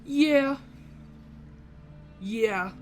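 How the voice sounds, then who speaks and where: Over game music, a woman hosting a let's play offers casual, wry commentary as she games, sometimes slipping into character. Her voice is a little high, and she draws out her words.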